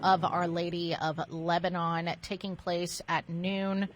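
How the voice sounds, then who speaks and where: A woman hosts the interview, asking her guest thoughtful questions. Her voice sits on the lower side for a woman. She ends with a plain announcement for listeners. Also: little pitch movement, takes it slowly, over music. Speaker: radio host. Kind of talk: interview on radio.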